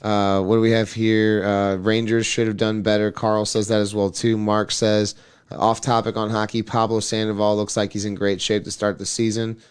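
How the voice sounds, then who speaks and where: A man's voice: fairly low pitch, completely flat delivery, normal speed, smooth. A man co-hosting a podcast, rambling casually about sports with lots of hedging and restarts. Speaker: podcast co-host.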